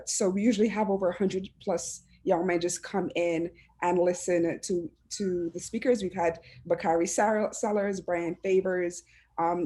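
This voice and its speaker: A woman's voice: fairly low pitch, mellow. A woman from Barbados, speaking earnestly and from the heart as a panelist on a video call, often restarting her phrases. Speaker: panelist, education administrator. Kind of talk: reflective personal talk on a panel.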